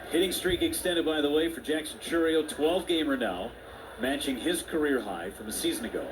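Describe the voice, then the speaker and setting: A man announcing baseball play-by-play in a steady, measured way, with brief asides to his partner. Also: a little high, background noise. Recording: broadcast with clear ballpark ambience.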